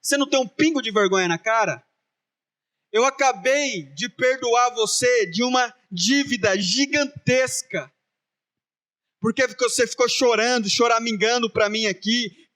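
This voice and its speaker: A man's voice: high-pitched, normal speed, a bit bright. A preacher voicing a stern king. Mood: indignant. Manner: firm, conversational, then scolding. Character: stern wealthy king, man, middle-aged.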